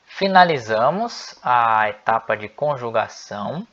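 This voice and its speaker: A man teaching an online language lesson, speaking slowly and deliberately and repeating each word for learners. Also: mid-range voice, sing-song, a bit bright. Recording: dull lo-fi audio.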